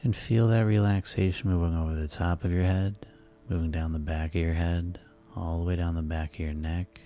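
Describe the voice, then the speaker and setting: A man leads a guided sleep hypnosis in a soft, soothing way. His voice is deep and mellow, with very little rise or fall. He takes his time, pausing between calm phrases. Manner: soft, soothing, unhurried delivery with pauses. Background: relaxation music.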